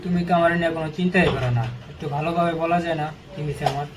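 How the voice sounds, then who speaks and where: A man doing a pouty woman patient who picks fights, rapid-fire and a bit high, for a comedy sketch. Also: fairly even intonation, a crowd in the background, natural voice. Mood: sulky. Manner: whiny and pouting, taking offense at everything.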